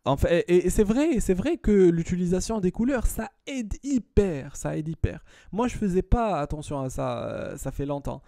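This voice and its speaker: A male math tutor working one-on-one with a student. He is patient, repeats words and checks her understanding often. His voice is mellow and fairly high, in a dry, close sound. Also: expressive, moderate pace, vocal fry, hardly any pauses, no room sound.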